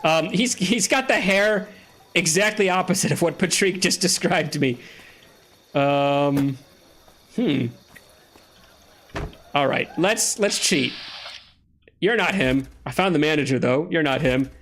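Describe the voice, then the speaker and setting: A man's voice: a little high, measured pace, pauses often, fairly bright tone, a little hiss or hum. Chatty, joking man playing a game. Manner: chatty, joking, talks to a friend on a call. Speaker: gaming streamer. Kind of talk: casual let's-play commentary.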